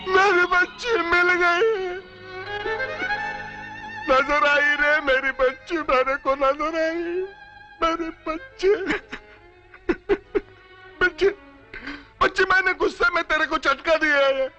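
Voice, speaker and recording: An actor playing a grief-maddened mill worker turned criminal, sobbing and shouting in in a film melodrama. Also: male voice, very high-pitched, takes it slowly, pauses often, dull audio, faint music behind, exaggerated voice. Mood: sobbing remorse.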